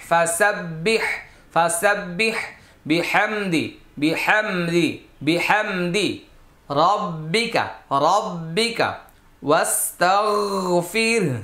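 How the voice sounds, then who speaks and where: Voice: mid-range voice, fairly bright tone. A Quran reading teacher who patiently spells out letters one by one and chants the verses melodically. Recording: echoey room.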